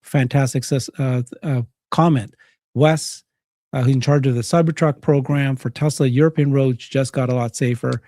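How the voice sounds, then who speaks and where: A man hosts a live breaking-news show in a mid-pitched, mellow voice. He comments on announcements and brings in his guests. The sound is dry and close, with very little room. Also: fairly even intonation, normal speed, no room sound.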